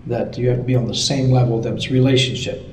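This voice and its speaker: A man with an American accent giving halting, conversational answers in an interview as a missions director. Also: medium pitch, little pitch movement, a little mellow. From United States. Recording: roomy echo, distant mic, faint noise.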